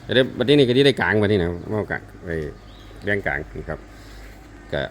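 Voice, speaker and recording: A man's voice: lowish voice, expressive, a little fast, a little hiss or hum. A man with an Isan accent chatting casually in a rambling vlog update to his viewers. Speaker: owner of a mobile sound truck band.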